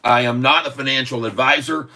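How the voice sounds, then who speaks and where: This stock livestream host, a man from Haiti in his sixties, keeps things jokey and upbeat, often chuckling between comments. He talks briskly in a steady, mid-range voice. The sound is pushed and bright.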